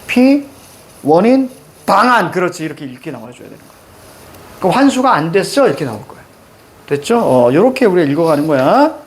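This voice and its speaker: A male teacher giving a classroom lecture on exam questions, brisk and instructive, checking in often with quick rhetorical questions. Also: fairly high pitch, big pitch swings. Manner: brisk, instructive, keeps students marking text.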